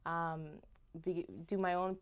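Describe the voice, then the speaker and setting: A woman's voice: fairly low pitch, level tone, takes it slowly, clean tone. A young Barbadian woman singer from Barbados, talking expressively as a guest in a casual interview. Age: young adult.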